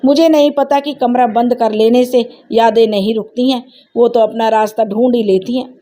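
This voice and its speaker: A woman voicing an elderly, remorseful husband who is tired and dying, in a soft and weary way. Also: on the high side, fairly even intonation, moderate pace, close to an everyday voice.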